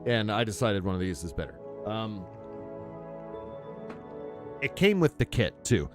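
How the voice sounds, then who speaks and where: Relaxed man streaming, close mic. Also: on the low side, a little slow, soft background music. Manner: rambling, relaxed, laughs often. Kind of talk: casual chat while gaming. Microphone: close studio mic on a boom arm.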